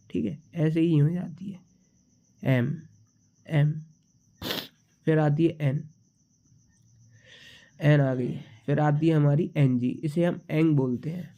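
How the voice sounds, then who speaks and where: A man's voice: fairly high pitch, fairly even intonation, slow, long pauses, dark tone. A young man with a slight cold, patiently teaching shorthand in a casual tutorial and repeating each symbol as he writes it. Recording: dull lo-fi sound.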